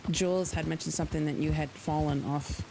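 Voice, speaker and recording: A speaker in a roleplay game stream, talking calmly and reflectively in character, with some hesitations. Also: medium pitch, fairly quick, gravelly, background noise.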